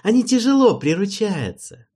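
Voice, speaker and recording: Man putting on a booming cruel king. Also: sing-song, a little mellow, breathy edge, heavily acted. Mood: jeering. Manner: booming, slow, jeering. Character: cruel loud-mouthed male king, mocking and domineering.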